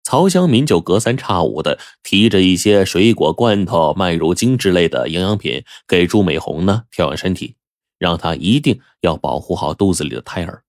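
A man telling a story aloud in a lively, folksy way. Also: sits low, dry recording, clean studio sound. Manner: lively, folksy narration with drawn-out particles. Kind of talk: oral storytelling.

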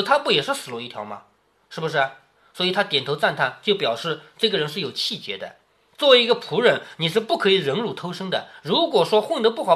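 A man with a bright, ringing voice reads an old novel aloud and then retells it in simple words. His pitch swings a lot as he asks his young listener whether she has followed. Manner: checks understanding with frequent questions to the listener; paraphrases old text into plain everyday speech. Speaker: father reading a classic novel aloud to his daughter. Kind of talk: reading aloud with explanations.

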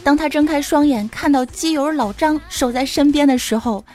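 High-voiced playful woman podcast host. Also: moderate pace. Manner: playful, teasing and animated. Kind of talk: comic podcast hosting. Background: background music.

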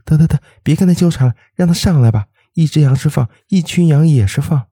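A man's voice: fairly high pitch, fast talker, mellow, breathy edge, no echo, clean studio sound, pitched above the performer's own voice. A man voicing an anxious woman doctor in a spoken ghost story, urgent and pleading. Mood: insistent.

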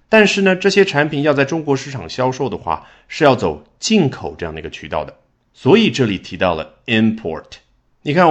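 Lively low-voiced male English tutor. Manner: explains with rhetorical questions and emphatic rises. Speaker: English teacher. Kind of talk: recorded language lesson.

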